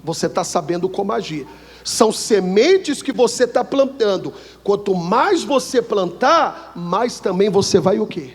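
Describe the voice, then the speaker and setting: A man's voice: sits high, lively intonation, unhurried, husky, big-room sound. A man with a Brazilian Portuguese accent preaching a sermon as pastor, prompting the congregation to answer his questions. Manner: call-and-response preaching, asking the congregation to answer. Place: church hall.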